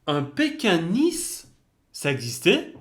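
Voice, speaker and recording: A man's voice: high-pitched, wildly swooping pitch, takes it slowly, fairly bright tone. A man acting as interviewer in a comic mock interview, politely formal but teasing.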